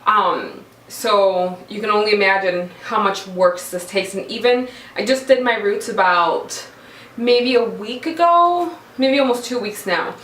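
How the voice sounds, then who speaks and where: A woman's voice: medium pitch, a little slow, a bit bright. A woman giving a casual, chatty, self-deprecating tutorial as a vlogger, informal and talking straight to the camera. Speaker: hair vlogger. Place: echoey cramped room indoors, standing. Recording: very echoey small room, far mic, faint noise.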